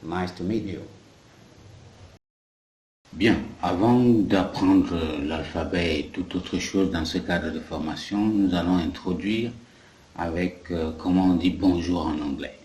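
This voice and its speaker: Brief: low-voiced male language teacher from Africa, patient and repetitive, echoey room, faint noise. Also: measured pace, mellow. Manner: patient, repeats key phrases. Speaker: English teacher. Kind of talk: bilingual language lesson.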